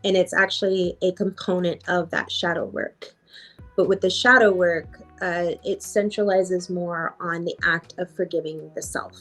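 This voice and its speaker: A woman's voice: on the low side, fairly even intonation, a little slow, a bit bright, soft background music. A woman life coach answering in a podcast interview, reflective and repeating phrases for emphasis.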